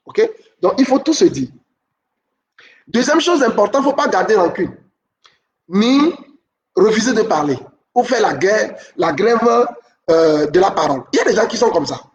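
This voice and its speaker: A man giving relationship advice to camera, repeating his key points and often checking in with a quick "ok?". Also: sits high, far from the mic.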